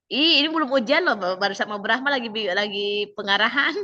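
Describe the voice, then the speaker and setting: A woman instructor coaching an online class, slightly hoarse, chatty, and quizzing students by name. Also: fairly high pitch, fast, sharp tone, muffled recording. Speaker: civil service training instructor.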